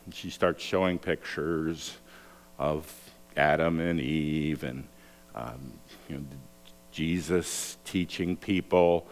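Slow-speaking preacher in a reverberant hall. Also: male voice. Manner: animated storytelling, acts out quotes with raised pitch. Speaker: pastor. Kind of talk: sermon.

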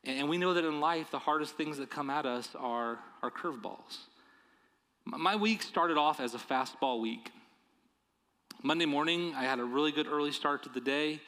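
A man's voice: fairly high pitch, moderate pace, bright, forceful tone, big-room sound. A man preaching a sermon as pastor, earnest, often repeating words as he starts a phrase. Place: church sanctuary.

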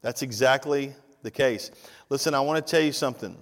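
Speaking briskly in a mid-range voice, a man in his fifties from Tennessee preaches a conversational sermon. He's a pastor in a church sanctuary and makes frequent direct asides to the congregation. The recording has the long reverb of a church hall.

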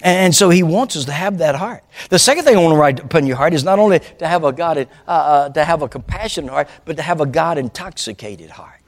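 A man's voice: fairly high pitch, animated, brisk, hardly any pauses. A male pastor preaching a sermon, telling stories and calling out to the congregation. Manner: storytelling, calls out to the congregation. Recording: long hall reverb.

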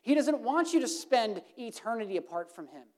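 Earnest woman preacher, higher voice. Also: big pitch swings, moderate pace. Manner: earnest, swings from emphatic to hushed and soft. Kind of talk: evangelistic sermon.

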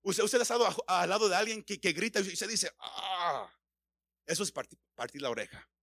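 A man preaching a sermon, stammering through restarts and building his voice up into shouts. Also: high-pitched, lively intonation, fast talker, vocal fry, no room sound. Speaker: pastor.

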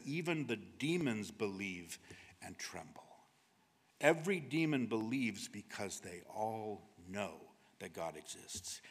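Earnest preaching man in a reverberant hall. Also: mid-range voice. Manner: earnest, emphatic teaching with repeated "right?" asides. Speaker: pastor. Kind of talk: sermon.

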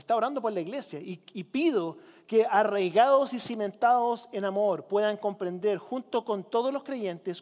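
A man's voice: sits high, a little mellow, in a large hall. A man preaching a sermon as pastor, urging his congregation to repeat lines with him. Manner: preaching with call-and-response to the congregation. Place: church.

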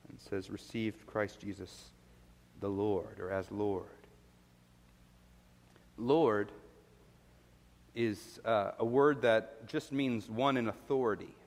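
A man's voice: lowish voice, steady tone, slow pace, pauses often, darkish tone. A male pastor giving a sermon, earnest and explanatory, putting questions to his listeners. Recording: long reverb of a large hall.

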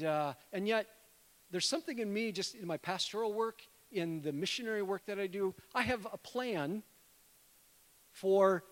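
A middle-aged man preaching a sermon in a church, talking to the congregation in a conversational way and calling them friends. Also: high voice. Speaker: guest preacher, missionary. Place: church sanctuary. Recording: long hall reverb.

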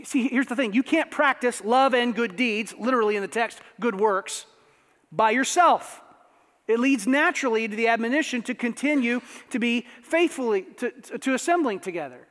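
A man preaching a sermon as pastor, conversational and animated, with asides to the congregation. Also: very high voice, normal speed. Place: church sanctuary. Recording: long reverb of a church hall.

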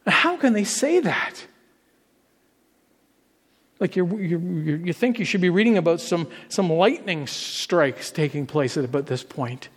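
A man's voice: normal speed, hardly any pauses. Earnest preaching man, echoing hall. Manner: builds to emphatic, higher-pitched peaks on key phrases; earnest, conversational preaching with repeated phrases. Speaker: pastor. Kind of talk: sermon.

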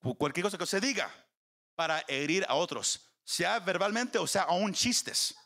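Gravelly, lively-pitched preaching man. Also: a little slow. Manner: preaching with rising emphasis and repeated restarts; addresses the congregation with questions. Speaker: pastor. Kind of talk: sermon.

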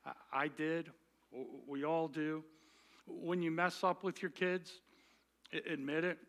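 A man's voice: on the high side, steady tone, a bit bright. A middle-aged male pastor giving a sermon on parenting, often restarting and repeating words. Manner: halting, repeats words while speaking.

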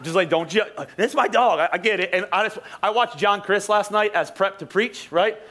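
A man's voice: high-pitched, fairly quick, bright, forceful tone. A young male pastor telling a joking, sarcastic story during his sermon, with many restarts and asides to the congregation. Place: church sanctuary.

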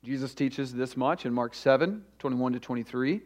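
A pastor preaching in a church sanctuary at a pulpit microphone. He speaks deliberately and slows down to stress repeated phrases. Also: mid-range voice. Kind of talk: sermon with opening prayer. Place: church sanctuary during a service.

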